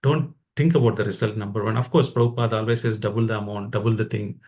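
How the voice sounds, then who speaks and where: A man's voice: lowish voice, fairly even intonation, fast talker, darkish tone. Indian-accented man giving an earnest devotional talk. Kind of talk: informal religious motivational talk.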